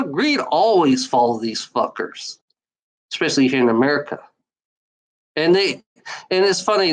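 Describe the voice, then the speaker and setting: An online commenter, a woman with a low-sitting voice, rants angrily and profanely at the camera, often repeating phrases and starting sentences over. The recording quality is poor.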